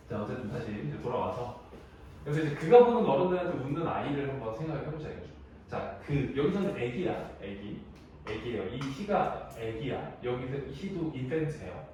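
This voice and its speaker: Young male teacher, casual and chatty, animated delivery, distant mic, very echoey room. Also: medium pitch, moderate pace, slight background noise. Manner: chatty storytelling, lively, laughs often. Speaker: high school English teacher. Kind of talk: casual classroom lecture.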